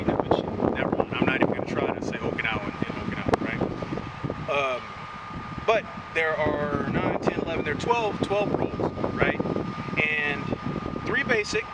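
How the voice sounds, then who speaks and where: A native English-speaking karate instructor with a slightly high voice gives an outdoor martial arts lesson, chatting casually and ending his points with "right?". The distant mic picks up wind and passing vehicles.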